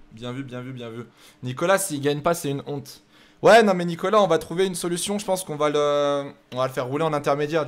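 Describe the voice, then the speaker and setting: Chatty French streamer man. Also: mid-range voice. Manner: joking, chatty, thinks aloud while setting up races. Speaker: streamer hosting a racing game night. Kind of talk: casual live-stream chat reading the chat.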